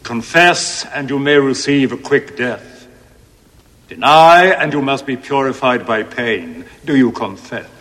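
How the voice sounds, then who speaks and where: Actor as a slow, menacing inquisitor in an echoing hall. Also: male voice, mid-range voice, a bit bright, lightly acted. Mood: solemn menace. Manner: slow theatrical villain menace. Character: cruel, solemn royal inquisitor passing judgment. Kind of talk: historical film drama acting. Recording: long hall reverb.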